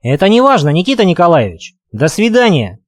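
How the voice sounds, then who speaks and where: A sulky young man who wants the conversation over gives short, grudging answers, voiced by a male reader. His fairly high voice rises and falls with his irritation. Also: sing-song, fairly quick. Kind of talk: audiobook character reading.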